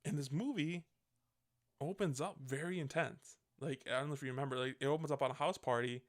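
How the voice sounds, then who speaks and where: A man's voice: mid-range voice, fairly quick. A man hosting a podcast, recapping a movie in casual, rambling chat, swearing freely and correcting himself as he goes. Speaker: podcast host.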